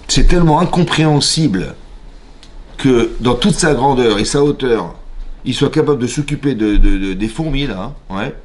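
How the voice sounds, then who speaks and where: A man, a rabbi, giving an informal Torah lecture to a live class, animated and often checking in with his listeners, with frequent repetitions and sometimes dropping to a hushed voice. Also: mid-range voice, moderate pace.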